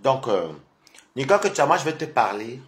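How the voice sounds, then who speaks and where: A man's voice: mid-range voice, sing-song, moderate pace. Tired man taunting a rival live. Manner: taunting, repeatedly calling out his rival. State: tired and sleepy. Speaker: live-stream host. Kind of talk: confrontational live-stream rant. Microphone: phone.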